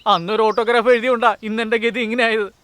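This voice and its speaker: A man playing a washed-up male film hero who pleads for work in a dubbed film, with a clear voice. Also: sits high, fairly even intonation, fast talker, bright, forceful tone, no room sound. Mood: pleading.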